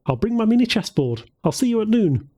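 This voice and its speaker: A man's voice: sits high, big pitch swings, fairly quick, darkish tone, pitched above the performer's own voice. A man voicing a hopeful, devout young woman in an audiobook, speaking in an upbeat way. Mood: cheerful.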